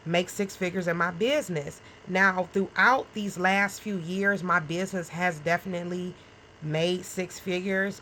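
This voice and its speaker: A woman in her forties with a fairly low voice and a forceful, bright edge. She talks to camera as a small business owner, emphatic and frank, pressing each point home. A faint hum of noise sits behind her. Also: low-quality recording. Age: 40s. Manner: emphatic, keeps checking in with "okay?" and "right?"; frank and encouraging, talks straight to the viewer. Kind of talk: casual talk to camera.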